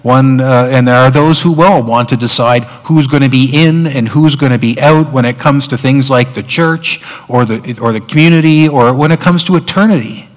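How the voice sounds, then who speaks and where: Pastor preaching in a reverberant church. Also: male voice, mid-range voice, normal speed, few pauses. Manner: conversational, with filler words and restarts. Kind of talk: sermon.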